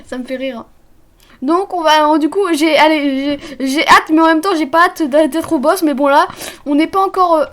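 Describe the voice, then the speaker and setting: A young woman streaming a video game, chatting casually with her viewers in a bubbly, scattered way, often restarting her sentences. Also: high voice. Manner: chatty and bubbly, restarts a lot, talks to chat. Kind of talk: casual let's-play commentary.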